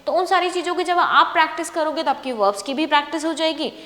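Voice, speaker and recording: A woman teacher patiently explaining English sentences in Hindi, repeating each example slowly. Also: high voice, a bit bright. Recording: echoey room with long reverb.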